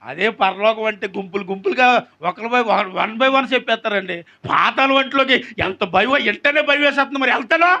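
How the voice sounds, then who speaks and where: A man's voice: sits high, moderate pace, creaky, sharp tone, lo-fi sound. A male pastor preaching a sermon, prompting the congregation to answer back.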